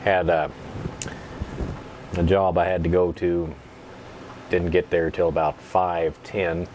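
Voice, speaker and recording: Low-voiced man chatting around a pipe. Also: flat delivery, darkish tone, a little hiss or hum, rough recording. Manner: unhurried, rambling, folksy. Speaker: pipe-smoking vlogger. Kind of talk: casual storytelling chat.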